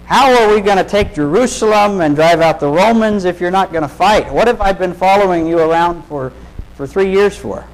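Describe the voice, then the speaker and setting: A man's voice: on the high side, moderate pace, lightly acted, low-quality recording. A man preaching, voicing an impulsive adult male disciple who protests emphatically. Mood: baffled.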